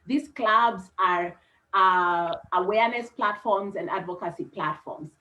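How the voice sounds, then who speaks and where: A woman's voice: mid-range voice, unhurried, pushed and bright, dull audio, slight background noise. A woman psychologist with a Kenyan English accent, speaking earnestly on a panel. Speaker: psychologist and consultant. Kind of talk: panel talk.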